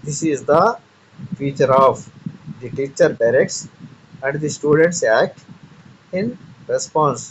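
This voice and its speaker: Telugu accented guy going over test questions, repeats each one, bit muffled with faint hiss. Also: on the high side. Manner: reads each question twice, quick asides in another language. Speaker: exam-prep teacher. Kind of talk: reading exam questions aloud with explanations.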